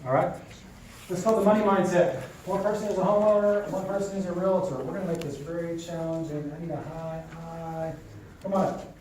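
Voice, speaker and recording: A man's voice: fairly high pitch, fairly quick, noisy background. A man teaching real estate agents in a classroom, talking casually and checking in with the class often. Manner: conversational, keeps checking in with the class. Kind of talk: classroom lesson with role-play. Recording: echoey room from far off.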